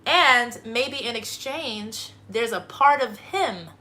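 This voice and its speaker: A woman's voice: on the high side, lively intonation, slow pace, bright, forceful tone. A woman hosting a livestream, giving a rambling spiritual monologue full of swearing and emphatic bursts. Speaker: livestream host.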